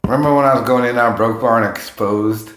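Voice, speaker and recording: A man's voice: medium pitch, fairly even intonation, a little fast, fairly bright tone, a little hiss or hum. A man chatting casually and profanely as a livestream host, rambling and jumping from topic to topic. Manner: rambling, jumps between topics. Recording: roomy, echoing room sound.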